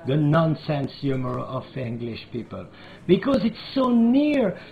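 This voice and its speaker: A man's voice: fairly high pitch, sing-song, a little slow, creaky, soft background music. A man from Belgium leaving an earnest, careful comment. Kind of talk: video message. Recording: tinny phone-like audio.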